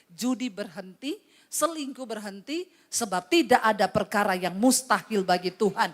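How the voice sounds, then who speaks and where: A middle-aged woman pastor preaching a sermon in a large church hall, animated and acting out dialogues with her congregation. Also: fairly high pitch. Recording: long church hall reverb.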